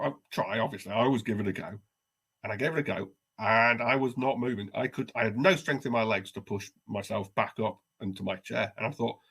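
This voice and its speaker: A man co-hosts a casual podcast, recounting a tale with wry, self-deprecating humour. His voice has a gravelly rasp and a husky, slightly breathy edge. He delivers it in an easy, chatty way. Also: mid-range voice, a bit bright. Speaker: podcast co-host. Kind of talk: casual storytelling chat.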